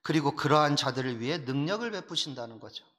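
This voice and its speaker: A middle-aged man preaching a sermon, his voice sitting a little high for a man. He talks bluntly and roughly, swinging between loud urging and quiet confiding asides. His voice carries a long reverb from the church hall. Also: animated, fast. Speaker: pastor. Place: church sanctuary.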